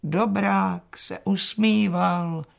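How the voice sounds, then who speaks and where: A woman playing Marta, a gravelly old spinster. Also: mid-range voice, fairly even intonation. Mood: fussy. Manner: dry, chatty complaining with soft asides. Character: Marta, a put-upon old spinster housekeeper, dry and grumbling.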